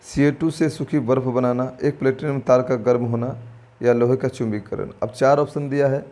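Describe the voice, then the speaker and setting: A man's voice: mid-range voice, steady tone, moderate pace, warm tone. A man teaching exam-prep lessons, talking informally to viewers as friends, thinking aloud and correcting himself, and mixing in English terms. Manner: chatty and informal, addresses viewers as friends and brother; mixes in English terms while explaining. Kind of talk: exam-prep lesson walking through quiz questions.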